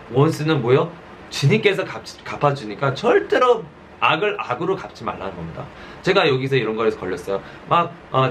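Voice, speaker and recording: A middle-aged man preaching a sermon as a pastor, conversational and halting, often checking in with listeners. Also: medium pitch, fairly bright tone. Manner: halting, many fillers and self-corrections. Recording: faint background noise.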